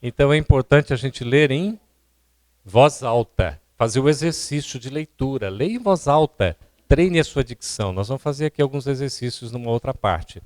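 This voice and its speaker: A Brazilian man lectures a seminar audience in a didactic way, often asking them questions. His voice sits at an ordinary middle pitch. The sound is dry and close. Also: animated, moderate pace, no room sound. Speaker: seminar speaker. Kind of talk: lecture on public speaking. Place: seminar hall at a spiritist centre.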